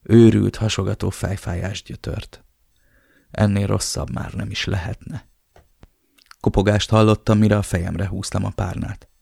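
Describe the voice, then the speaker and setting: A man narrating a novel in the first person, with a dark, brooding delivery. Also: on the low side, level tone, creaky, breathy edge, dry recording, studio quality. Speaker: audiobook narrator.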